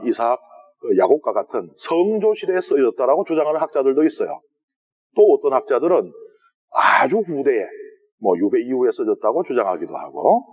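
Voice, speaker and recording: A South Korean priest with a Gyeongsang accent gives a Lenten Bible lecture to his congregation in a church sanctuary. His voice is mid-range for a man and a little mellow, and he speaks chattily and conversationally, repeatedly turning questions back to the listeners.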